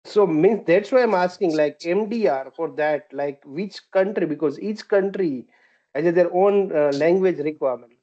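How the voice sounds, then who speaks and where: An attendee asks detailed follow-up questions over a video call. They search for words as they talk, filling pauses with "like" and "uh", and their tone is mellow and dark. The call audio is dull and lo-fi. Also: medium pitch. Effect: heard over a video call. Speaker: audience member asking questions. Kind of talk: questioning in a meeting.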